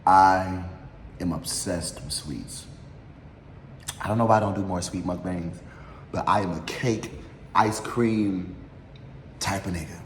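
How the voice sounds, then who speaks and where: A man's voice: deep voice, fairly even intonation, a little slow. A man hosting a casual eating show, talking candidly in heavy slang and swearing freely. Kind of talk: casual chat and mukbang. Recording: echoey room with long reverb, faint noise.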